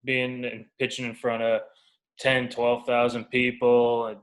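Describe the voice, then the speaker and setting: In a casual interview, a baseball pitcher in his twenties appears as a podcast guest. His mid-pitched male voice has a flat, even intonation, and he speaks unhurriedly with relaxed, informal wording.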